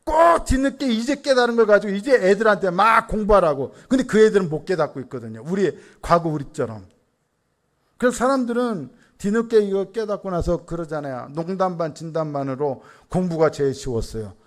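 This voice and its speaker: A man's voice: high voice, lively intonation, fairly quick. A middle-aged man preaching a Sunday sermon. He asks the congregation questions, answers them himself, and tells stories about his family. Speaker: senior pastor.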